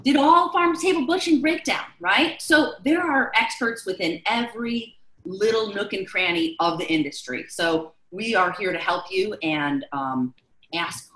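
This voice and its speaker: A woman's voice: mid-range voice, a little slow, fairly bright tone, roomy sound, poor audio. A woman chef instructor from Chicago leading a live online class, chatty and loose with many fillers.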